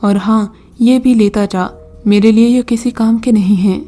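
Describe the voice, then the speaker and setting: A woman's voice: a little high, fairly even intonation, warm tone, natural voice. A woman voicing a mocking old male jinn who gives scornful, brusque commands in a storybook reading.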